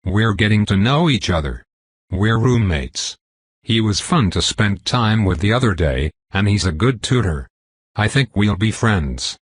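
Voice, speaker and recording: A man reading as a wry young student, low and husky. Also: animated, a little slow, no echo. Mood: earnest. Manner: wry, rambling. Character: earnest young male student, wry and rattled.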